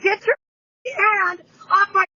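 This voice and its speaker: A woman heard through a doorbell camera speaker, angrily yelling profanity and ordering people off her property. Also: very high voice, flat delivery, takes it slowly, dry recording, muffled recording. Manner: yells furious profanity, ordering officers away.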